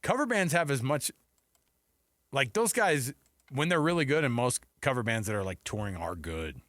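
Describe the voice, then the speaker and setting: At a moderate pace and medium pitch, a middle-aged man hosts sports radio, chatting casually and telling jokey, animated stories. The close studio microphone gives a dry, clean studio sound.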